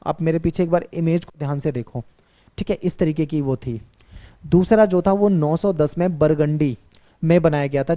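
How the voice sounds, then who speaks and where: A man's voice: a little high, mellow. A male teacher giving an exam-focused history lecture, who asks questions, answers them himself and repeats key points.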